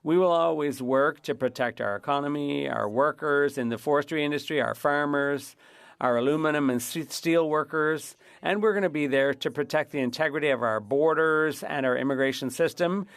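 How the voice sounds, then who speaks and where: A man interpreting formal parliamentary debate live, in somewhat halting phrases. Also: a little high, gravelly, clean tone, dry recording.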